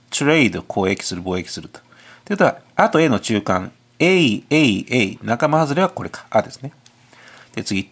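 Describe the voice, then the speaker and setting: Husky man explaining an English test. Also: medium pitch. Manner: talks himself through answers, muttering asides. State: has a cold. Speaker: cram school teacher. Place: tutoring classroom.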